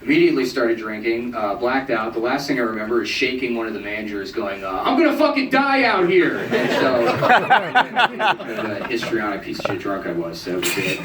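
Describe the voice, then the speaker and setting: A young man performing a stand-up set in a comedy club, deadpan and self-mocking, now and then acting out people in a high mocking voice. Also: quick pace, few pauses, a loud crowd. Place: comedy club stage with audience laughing. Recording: echoey, distant amateur club recording with loud noise.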